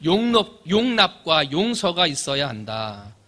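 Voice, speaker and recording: A pastor preaches in a church, telling a story with drama. His voice is bright and carrying, and it swings widely in pitch, from loud bursts down to quiet endings. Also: animated, normal speed. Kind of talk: sermon. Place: church sanctuary.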